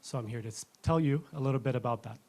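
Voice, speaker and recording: A man in his thirties from Ethiopia, giving a rehearsed pitch as a company founder in an earnest, fluent way. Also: fast, a little mellow.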